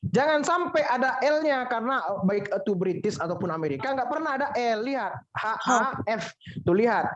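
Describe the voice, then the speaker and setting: Lively woman teaching pronunciation. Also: on the high side, normal speed. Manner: lively, teasing, repeats and drills words. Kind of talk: classroom pronunciation lesson. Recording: dull lo-fi sound.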